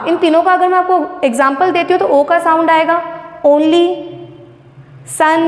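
A woman with a very high voice teaches a language lesson, explaining each point step by step. She keeps asking rhetorical questions as she goes. Her voice rings out with a long reverb in an echoey room. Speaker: English teacher. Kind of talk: classroom lesson on phonetic sounds.

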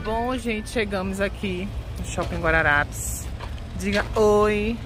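A man's voice: sits high, takes it slowly, over loud music. A chatty vlogger, talking to his viewers through a face mask. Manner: chatty, excitable, addresses viewers. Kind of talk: casual vlog chat. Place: indoor shopping mall. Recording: mall ambience noise behind.

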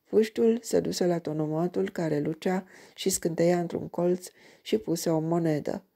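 Gravelly woman reading a story. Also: lowish voice, steady tone, mellow. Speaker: audiobook reader. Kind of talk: read-aloud crime story.

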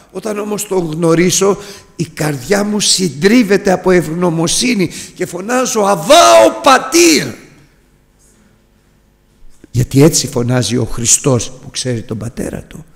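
A man preaching a sermon with passion, often swelling to near-shouts. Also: a little high, vocal fry. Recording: long hall reverb.

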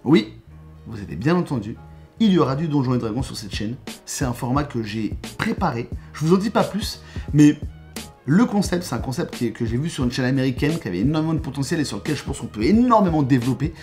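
A man's voice: mid-range voice, sing-song, fast, a little mellow, soft background music. A man, a YouTube host and game master, giving a casual channel update with enthusiasm and frequent restarts.

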